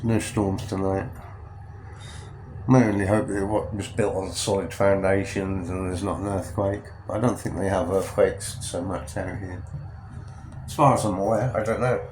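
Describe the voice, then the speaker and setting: An English travel vlogger with a stuffy, sniffly nose rambles and corrects himself as he films from a Ferris wheel cabin at night. His low voice holds a steady tone at normal speed, with background noise in the recording.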